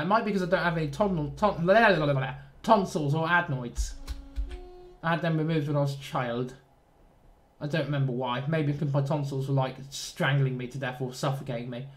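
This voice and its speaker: A man's voice: fairly high pitch, a bit bright. A man with a nasal southern English accent, chatting casually and joking at his own expense while narrating a train simulator run. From southern England. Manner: rambling, self-deprecating, jokey asides. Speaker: train sim YouTuber. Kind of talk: casual gameplay commentary.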